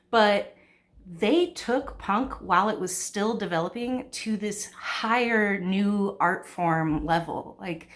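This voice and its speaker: Slow, chatty woman vlogging at home. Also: mid-range voice. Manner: chatty and rambling, many "like"s. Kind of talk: casual chat to camera.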